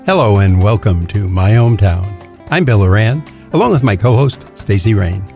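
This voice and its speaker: A man's voice: fairly low pitch, animated, normal speed, creaky, darkish tone, soft background music. A man hosting a community radio talk show, asking questions in a chatty way as he thinks aloud. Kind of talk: radio interview.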